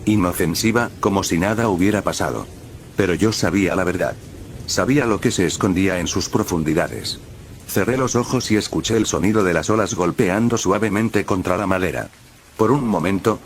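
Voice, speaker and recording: A man narrating a first-person horror story in a grave, measured way. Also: low voice, noisy background.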